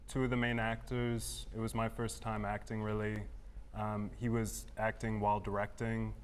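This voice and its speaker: A man's voice: on the low side, slight background noise. A man, a film producer and actor, talking conversationally in a TV interview.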